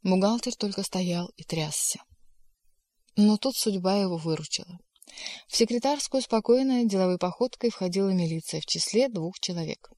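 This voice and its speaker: A woman reads an audiobook in a measured, steady narrating voice. Her pitch sits in the middle, and the dry, close recording has no room sound. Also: no echo. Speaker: audiobook reader. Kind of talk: scripted narration.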